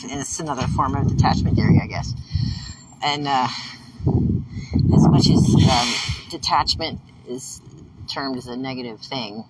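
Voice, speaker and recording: A woman's voice: rumbling low, measured pace, long pauses. Rambling woman talking from a moving car. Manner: meandering, chuckles between thoughts, many fillers. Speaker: podcast host. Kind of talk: rambling personal monologue. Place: inside a moving vehicle on a road trip. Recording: distant mic with road noise. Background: vehicle road noise.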